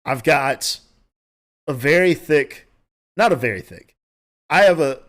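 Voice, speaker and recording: A man's voice: fairly high pitch, expressive, unhurried, a bit bright. Chatty man with a country accent. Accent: Southern US country. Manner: rambling, self-correcting, opinionated. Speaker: podcast host. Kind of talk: casual solo commentary.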